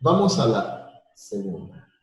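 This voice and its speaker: A man teaching a live online math lesson, explaining slowly with repetitions and everyday examples. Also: fairly low pitch, big pitch swings. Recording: very echoey room.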